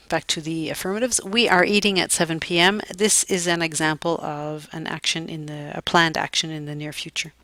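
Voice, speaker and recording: A woman teaching an English grammar lesson, explaining clearly and deliberately, with dry little jokes. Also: deep voice, fairly bright tone, no echo.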